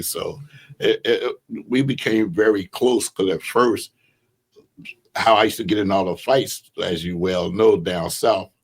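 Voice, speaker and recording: An older man in his seventies, speaking in a fairly low voice. He tells his stories at an unhurried pace, drifting through long memories and chuckling now and then. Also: slightly rough. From Southern United States. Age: 70s. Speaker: guest. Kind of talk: reminiscing interview talk.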